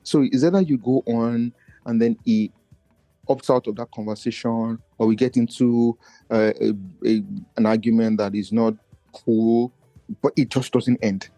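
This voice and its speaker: Unhurried and warm, with fairly even intonation, a Nigerian man speaks as a guest on a podcast. He considers his low voice one that doesn't carry. In this reflective personal conversation he's earnest and searching, often restarting his thoughts. Faint music plays, with no room sound.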